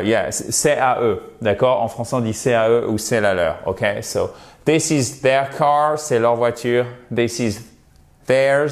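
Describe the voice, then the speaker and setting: A man teaching a language lesson, spelling out and repeating example phrases and checking in often with short questions. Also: mid-range voice. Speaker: English teacher.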